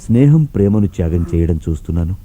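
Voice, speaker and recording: A man's voice: sits low, expressive, quick pace, noisy background. A middle-aged actor playing a proud, affectionate father. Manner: warm, approving. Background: music.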